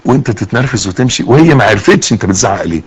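A man's voice: on the low side, rapid-fire, slightly rough, rough recording. A middle-aged man with an Egyptian accent giving a sermon, acting out small scenes as he talks. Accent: Egyptian Arabic. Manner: lively, acts out little scenes with rising and falling voice. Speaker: preacher.

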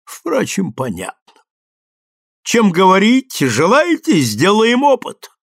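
A man's voice: high voice, wildly swooping pitch, slow, vocal fry, no echo, studio quality, pitched above the performer's own voice, heavily acted. A man reading an audiobook voices a proud, eccentric male inventor with a lofty, theatrical delivery. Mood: haughty.

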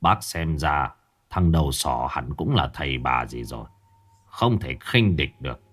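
Man doing a low, hushed, steady older ally, serious and careful, horror audiobook. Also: unhurried, husky, heavily acted. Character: calm older male ally, cautious and steady.

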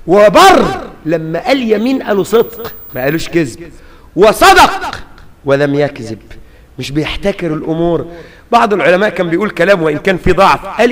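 A man preaching with an Egyptian accent, fiery and emphatic, often bursting into shouts. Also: high-pitched, big-room sound. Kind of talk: sermon.

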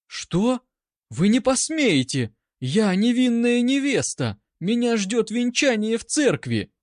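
A man's voice: high voice, lively intonation, measured pace, no room sound, studio quality, pitched above the performer's own voice. A man putting on a wailing melodramatic bride. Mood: panicked protest. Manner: pleading, tearful, overacted exclamations. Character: melodramatic young woman, a bride wailing theatrically.

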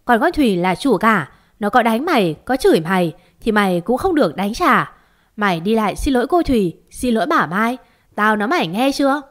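A woman's voice: fairly high pitch, expressive, fairly quick. Woman doing a harsh, scolding older mistress. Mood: furious. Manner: scolding, yelling.

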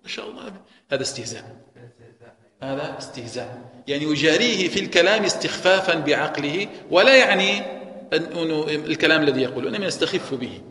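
A man's voice: fairly high pitch, animated, quick pace, sharp tone. A man giving a religious lesson, asking and answering his own questions. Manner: explains by posing and answering rhetorical questions. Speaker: Quran teacher. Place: mosque hall. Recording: echoey reverberant mosque hall.

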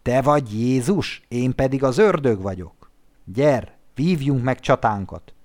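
A man's voice: mid-range voice, lively intonation, a little mellow, close to an everyday voice. A male audiobook narrator voicing a reckless man who defiantly challenges a knight to a duel. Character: reckless man defying as the devil, bold.

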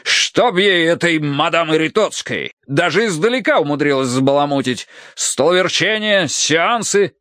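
A man's voice: fairly high pitch, expressive, a little slow, few pauses, a bit bright, dry recording, studio quality, pitched above the performer's own voice. A man doing a blustering old colonel. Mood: barking. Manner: blustering, barking orders. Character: gruff, irritable old colonel.

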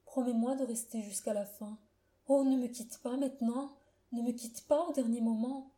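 A woman's voice: a little high, steady tone, moderate pace, mellow, close to an everyday voice. A woman voicing a dying young woman, faint and pleading. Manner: breathless, pleading.

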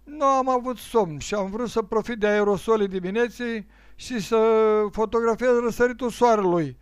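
A male reader voicing a woman in her thirties with a thin voice and an irritable temper, lifting his pitch a little for her lines in a read-aloud story. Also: clear, resonant tone, no room sound, clean studio sound, natural voice. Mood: calm.

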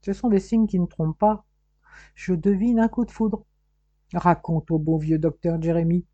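A woman's voice: fairly low pitch, fairly even intonation, moderate pace, warm tone, no room sound, close to an everyday voice. A woman doing a nosy, teasing young brother. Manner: playful, pushy teasing. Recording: dull, muffled dry recording.

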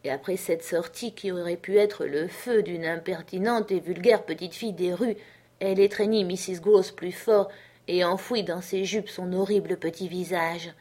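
A woman narrating a literary audiobook in a measured, earnest storytelling manner. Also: fairly low pitch, mellow. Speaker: audiobook reader.

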